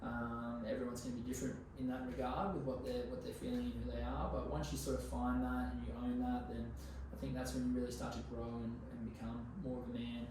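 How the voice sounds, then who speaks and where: A man's voice: mid-range voice, little pitch movement, fast talker, few pauses. A man in his twenties with an Australian accent chats casually as an interview guest, in a laid-back, slangy, sweary way. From Queensland, Australia. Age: 20s. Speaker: podcast guest. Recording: very echoey, distant mic, noisy room.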